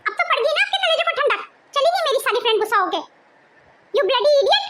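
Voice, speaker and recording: A woman's voice: lively intonation, rapid-fire, noisy background. A woman acting a haughty young wife who scorns her in-laws, snapping out insults in a home-video family drama. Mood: furious. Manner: sneering and shrill, snapping out insults. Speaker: actor in a family drama skit.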